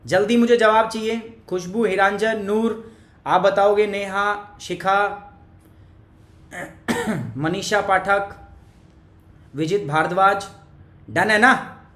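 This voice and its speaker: A man's voice: high-pitched, steady tone, slow, long pauses, fairly bright tone. A male teacher with a cough, giving a chatty live online class and teasing viewers by name. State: has a cough. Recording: echoey room.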